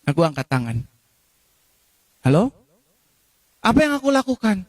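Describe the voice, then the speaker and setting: A man preaching a sermon as pastor, impassioned and direct, sometimes slipping into slow sung prayer. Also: sits high, very animated, dry recording.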